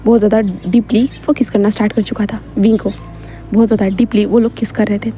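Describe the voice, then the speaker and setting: A woman's voice: mid-range voice, little pitch movement, quick pace, warm tone, faint music behind. A woman narrating fan fiction in a casual, chatty retelling with frequent fillers.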